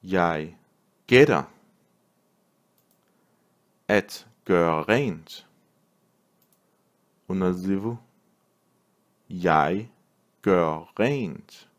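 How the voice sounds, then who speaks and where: A man, a language teacher, reading a vocabulary list word by word with pauses and repeating each phrase. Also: deep voice, expressive. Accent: Danish. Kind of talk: slow vocabulary drill reading.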